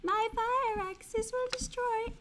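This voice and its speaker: A woman putting on a wizard voice to read rhyming riddle clues, slow and sing-song. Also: extremely high pitch, fairly even intonation, background noise, pitched above the performer's own voice. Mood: riddling.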